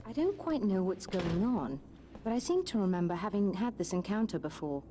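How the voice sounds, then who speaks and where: Woman acting stilted puzzled doctor, swooping pitch. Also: big pitch swings, normal speed, warm tone, roomy sound, a little hiss or hum, lightly acted. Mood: skeptical. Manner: stilted, hesitant delivery, bad acting. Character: puzzled, skeptical female doctor at an observatory. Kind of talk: scripted video game acting.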